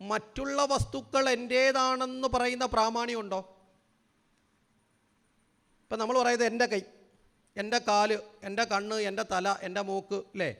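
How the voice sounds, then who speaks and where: A man giving a spiritual talk to a gathering, often asking the audience questions and slowing down to stress key words. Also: very high-pitched, fairly bright tone, long reverb tail. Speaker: spiritual speaker.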